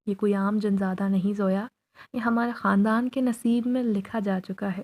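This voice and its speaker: A woman's voice: mid-range voice, fairly even intonation, darkish tone, lightly acted. A woman voicing a fearful, protective mother in a spoken horror story. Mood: urgent.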